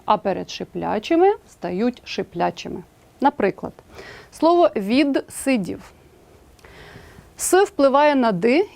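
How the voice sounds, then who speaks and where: A woman with a Ukrainian accent narrates a scripted lesson. Her voice sits a little high. She pronounces each example word slowly and carefully. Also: darkish tone. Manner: clear, slow enunciation of example words. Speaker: language teacher.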